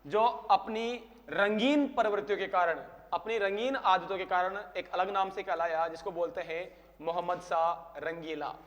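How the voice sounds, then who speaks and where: A man's voice: high voice, moderate pace, fairly bright tone, in a large hall. A man teaching a history class, telling stories and acting out dialogue with humor. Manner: storytelling, acts out dialogue with humor. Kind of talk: casual classroom history lecture. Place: coaching classroom.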